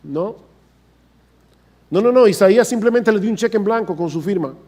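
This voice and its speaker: A pastor with a high-pitched voice delivers a sermon. He preaches emphatically, repeating words for stress and asking his listeners questions directly. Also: animated, moderate pace, darkish tone.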